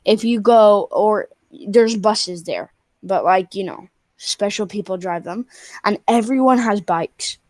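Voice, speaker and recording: A girl of about twelve from Spain, a stranger on a video call, chats casually and fills her talk with "like" and restarts. The woman's voice is mid-range, slow, and darkish, with no room sound.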